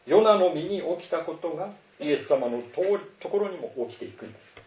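A man's voice: on the high side, animated, a little fast. Earnest male pastor preaching in a roomy hall. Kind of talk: sermon. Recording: roomy, distant, dull sound.

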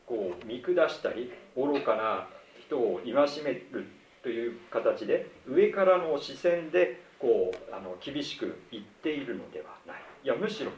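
A middle-aged man preaching a sermon in a conversational, measured way, acting out the quoted lines. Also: mid-range voice, slight background noise. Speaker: pastor. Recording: roomy, distant mic with faint ambience.

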